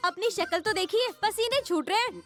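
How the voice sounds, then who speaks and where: A shrill, teasing young woman. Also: expressive, moderate pace, fairly bright tone, soft background music. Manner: mocking, playful. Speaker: younger sister-in-law. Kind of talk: Hindi film dub.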